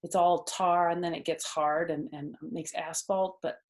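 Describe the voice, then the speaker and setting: At a measured pace and a lowish pitch, a woman in her fifties reads to her grandchildren in an indoor living room. She gives the story plenty of expression, breaks in to explain words in simple terms, and asks the children questions.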